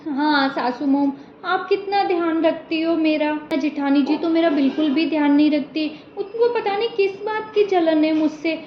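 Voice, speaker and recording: A woman playing a pampered, sly young daughter-in-law who talks softly and whines, in an echoey room with slightly dull sound. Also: high-pitched, normal speed, a little hiss or hum, close to an everyday voice. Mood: sly whiny.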